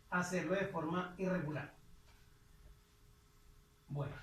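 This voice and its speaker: Woman teacher, slow and patient, echoey room with the mic set back. Step-by-step grammar lesson. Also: mid-range voice, fairly bright tone, distant mic. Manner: drawn-out English example sentences. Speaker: English teacher.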